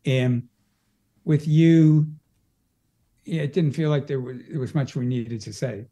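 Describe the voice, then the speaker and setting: Male interview guest, practitioner, mellow voice, explanatory, stammering restarts. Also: mid-range voice, fairly even intonation, a little slow. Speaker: energy work practitioner guest. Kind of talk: casual conversational interview.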